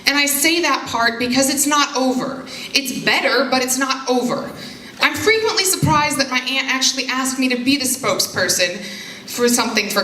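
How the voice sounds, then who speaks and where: A woman's voice: high voice, sharp tone, slight background noise. A young woman giving a candid personal speech to a live audience from a stage, with self-deprecating humor. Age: young adult. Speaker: foundation spokesperson. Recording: echoey room.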